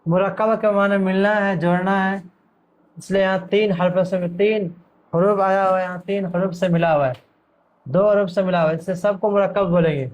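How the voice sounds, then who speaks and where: A man's voice: sits high, fairly even intonation, muffled recording. A man teaching Quran reading letter by letter, asking his own questions and answering them, drawing out the letter names. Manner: drawls letter names very slowly. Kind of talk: letter-by-letter lesson.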